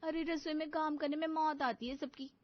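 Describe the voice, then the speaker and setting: A sulky, offended young wife who airs her grievances, played by a woman. She has a high, piping voice, and the sound is dry, close and dull. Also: steady tone, moderate pace, no echo, close to an everyday voice. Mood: resentful. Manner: complaining, resentful.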